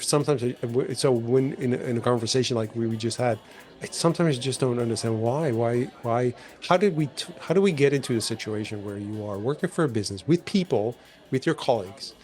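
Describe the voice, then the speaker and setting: A man hosting a podcast in casual conversation, talking in loose, restarting sentences with animated bursts. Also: mid-range voice. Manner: rambling, many restarts, animated. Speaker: podcast host.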